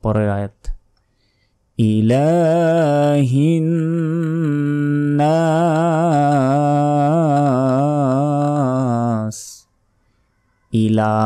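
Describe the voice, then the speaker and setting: A man teaching Quran recitation, explaining each sound slowly and chanting the verses in long drawn-out tones. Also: lowish voice, warm tone, no room sound, studio quality. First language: Bengali. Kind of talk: slow step-by-step recitation lesson.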